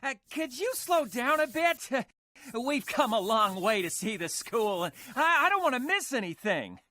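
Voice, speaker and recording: A woman's voice: a little high, big pitch swings, unhurried, sharp tone, no room sound, full character voice. A woman voicing a polite, hesitant adult pony visiting a school in a cartoon, stammering a little. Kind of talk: cartoon voice acting.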